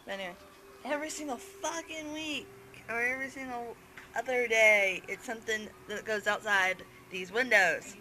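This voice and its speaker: A woman's voice: on the high side, normal speed, bright, forceful tone, poor audio. A woman vlogging casually in her apartment, venting bluntly and swearing freely while a little out of breath. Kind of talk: casual vlog chat. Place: hot apartment room with open windows. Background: construction noise and outdoor ambience.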